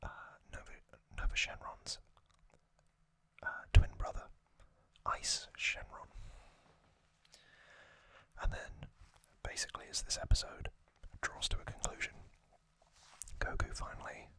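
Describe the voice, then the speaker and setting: A man hosts ASMR content, quietly whispering a story recap with no voiced sound, breathy and gently faltering throughout.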